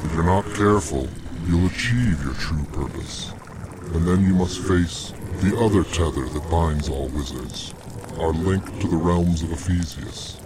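Menacing, pompous wizard tyrant for audio comedy, male actor, low register, cold and deliberate, clear noise behind. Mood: measured, ominous. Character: cold, calculating male Dark Lord wizard, menacing villain. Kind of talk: fantasy audio comedy acting. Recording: clear background noise under the voice.

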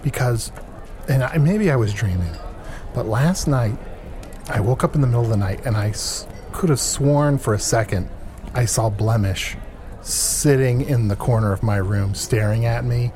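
A man's voice: mid-range voice, moderate pace, darkish tone, slight background noise, close to an everyday voice. A man playing an inquisitive, fretful fantasy adventurer in improvised comedy, talking in a conversational, hesitant, questioning way. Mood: uneasy, curious.

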